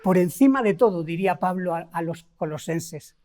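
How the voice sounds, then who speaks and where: Her voice is on the low side, dark in tone and animated, moving at a normal speed. She is a middle-aged woman from Spain, with a Spain Spanish accent, preaching to a congregation with rhetorical questions and stressed key words.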